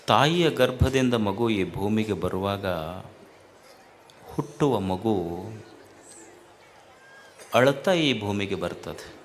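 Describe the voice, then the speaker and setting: A man with a North Karnataka Kannada accent preaching a sermon as a spiritual teacher, slow and deliberate, repeating his points and asking rhetorical questions. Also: lowish voice, lively intonation, a little hiss or hum.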